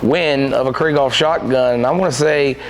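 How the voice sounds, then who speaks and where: In a lodge room with a stone fireplace, a podcast co-host in his thirties who runs a shooting club spins rambling stories, animated and gesturing a lot. His mid-range voice goes at normal speed in casual chat, captured in a low-quality recording with slight background noise.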